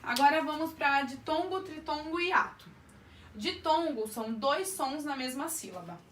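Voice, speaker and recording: A woman's voice: sits high, expressive, moderate pace, a bit bright, distant mic, slight background noise. A Brazilian woman teacher giving an online grammar lesson, explaining carefully and stretching words out to sound their syllables. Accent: Brazilian Portuguese. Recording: echoey room, voice off-mic.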